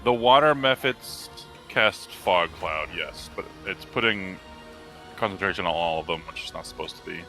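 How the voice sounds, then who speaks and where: A man runs an online tabletop game as its game master. His voice sits low but has a bright, forceful edge, and he talks briskly as he sorts out rules and the map. Faint music sits behind him. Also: vocal fry.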